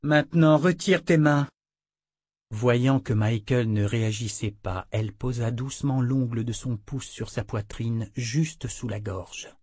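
A man narrating a fantasy novel in a measured reading voice, voicing the dialogue himself. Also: mid-range voice, steady tone, dark tone, breathy edge, no echo, clean studio sound. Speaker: audiobook narrator.

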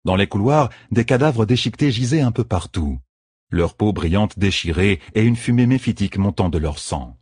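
A man narrating an audiobook chapter in a slow, measured reading. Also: on the low side, animated, darkish tone, husky, dry recording, studio quality. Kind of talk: scripted narration.

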